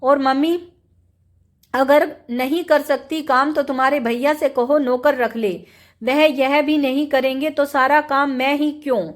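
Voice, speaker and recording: A woman reading a story puts on a resentful young sister-in-law, taunting and accusing. Her voice sits high and cutting in a storybook reading. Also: fairly even intonation, unhurried.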